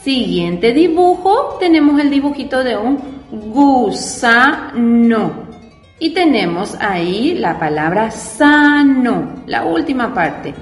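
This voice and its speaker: A woman teacher walks young children through a spelling lesson, slowly and patiently, her voice rising and falling with lively, sing-song pitch. She sounds fairly high, and the recording sits in a roomy space with a long reverb and faint music underneath. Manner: patient, spells out syllables and asks the class questions.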